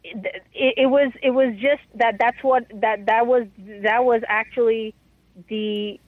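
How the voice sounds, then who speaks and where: A woman answering an interviewer's questions over the phone, halting and stumbling over her words. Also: fairly high pitch, fairly even intonation. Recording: tinny phone line.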